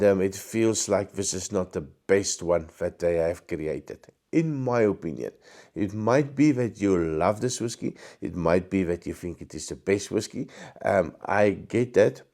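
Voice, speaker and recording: A man with a croaky, hoarse voice giving a casual, thoughtful whisky tasting review to camera, pausing often with ums and small self-corrections. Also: sits low, warm tone.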